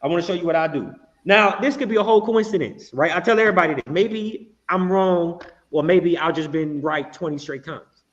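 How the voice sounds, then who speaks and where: A man's voice: sits high, brisk, lo-fi sound. A man hosting a casual livestream chat, talking emphatically and repeating himself as he restarts his sentences. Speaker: livestream host.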